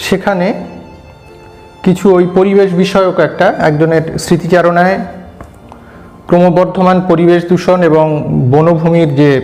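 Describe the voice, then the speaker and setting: A man's voice: high-pitched, darkish tone. A man from India teaching, patiently explaining exam answers and sounding out examples one by one.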